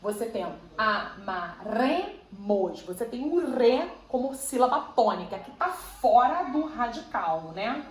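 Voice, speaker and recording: A woman's voice: fairly high pitch, big pitch swings, a little slow, a little mellow. A woman teacher gives a grammar lesson, explaining patiently and checking in with her listeners. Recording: echoey room, faint ambient noise.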